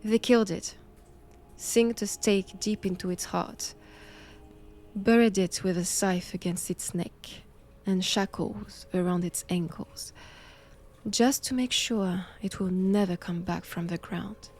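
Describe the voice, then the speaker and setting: With a French accent and a medium pitch, a woman performs an intimate audio roleplay as a solemn, confident Vatican nun tracking down vampire knowledge. She speaks in a hushed, deliberate manner, and her mood is cold and severe.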